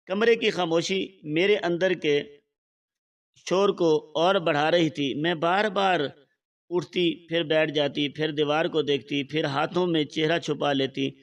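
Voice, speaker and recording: Male narrator for a scripted story, steady measured read, slightly high voice. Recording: voice slightly far from the mic.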